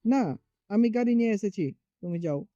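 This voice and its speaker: A cocky, curt young man, played by an actor in an audio story, dismissive and short with everyone. His voice is very dark and dry, and the recording is dull and lo-fi. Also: high-pitched, lively intonation, normal speed, no echo.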